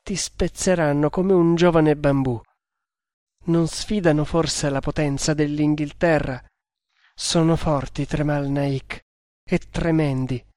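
A man's voice: a little high, fairly even intonation, takes it slowly, darkish tone, no echo, clean studio sound. A man reading an audiobook, voicing a frightened young woman who pleads in a breaking voice. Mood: fearful warning.

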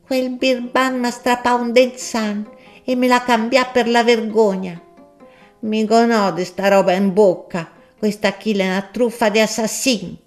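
A man's voice: very high voice, steady tone, slow pace, gravelly, soft background music, pitched above the performer's own voice, heavily acted. A man reading a story, voicing an indignant older countrywoman who complains in Lombard dialect. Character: peevish older countrywoman Martina, grumbling.

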